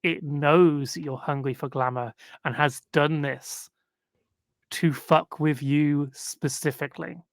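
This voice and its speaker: A game master narrating a tabletop role-playing game in slow, deliberate bursts with frequent pauses and fillers. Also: medium pitch, steady tone, no echo, studio quality.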